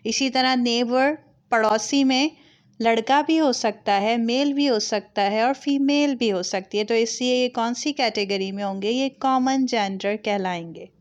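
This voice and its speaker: Slow, clear-voiced woman teaching grammar. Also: a little high. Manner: slow, patient explaining with examples; mixes Hindi with English words. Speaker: English teacher. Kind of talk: explaining a grammar lesson.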